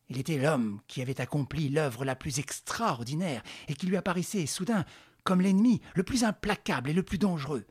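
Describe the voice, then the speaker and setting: A man narrating a radio drama in a measured, dramatic storytelling manner. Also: mid-range voice, a little mellow, husky.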